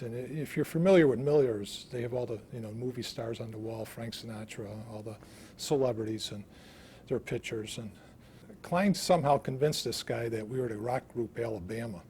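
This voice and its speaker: A man recalling a funny story in a relaxed, rambling way. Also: medium pitch, normal speed, slight background noise. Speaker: interviewee. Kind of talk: casual storytelling. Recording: guitar music behind.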